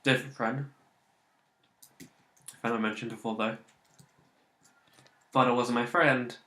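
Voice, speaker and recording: Slow-talking man muttering over gameplay. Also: medium pitch, steady tone, bright, forceful tone, echoey room. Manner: muttering, swearing at failures, rambling. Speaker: let's play host. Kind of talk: casual gameplay commentary.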